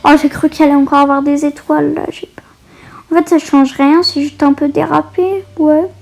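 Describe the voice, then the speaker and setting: Woman, high voice, casual gameplay commentary, stumbles and restarts while reading on-screen text. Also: steady tone, a little fast, vocal fry, darkish tone. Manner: reads game text aloud with many hesitations. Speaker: gaming video creator. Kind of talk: casual let's-play commentary.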